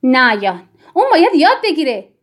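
A woman voicing a stern, rigid middle-aged man who is quick to anger and scolds insistently in a raised voice. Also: on the high side, expressive, a little mellow.

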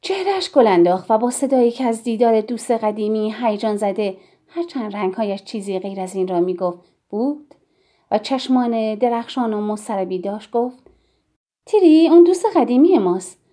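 A woman reading a novel aloud in scripted first-person narration, measured and expressive. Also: mid-range voice. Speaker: audiobook narrator.

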